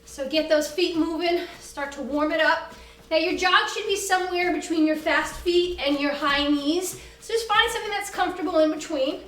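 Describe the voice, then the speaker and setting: A woman fitness instructor leading a class with brisk, commanding, motivational cues and countdowns. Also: very high-pitched, fairly bright tone. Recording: roomy echo, distant from the mic.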